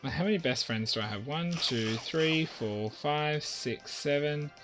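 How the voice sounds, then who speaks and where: A man's voice: a little high, measured pace, over music. Chatty man streaming a game. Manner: chatty, rambling, talks to viewers. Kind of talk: casual live-stream chat while playing.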